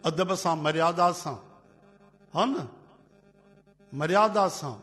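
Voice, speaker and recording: A man with a somewhat high voice tells devotional stories to a gathering. He is animated and acts out the people in his tales, and his voice rings with a long hall reverb. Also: slow pace, faint music behind. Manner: animated, acts out quoted voices, calls out chants. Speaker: religious storyteller. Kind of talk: devotional sermon storytelling.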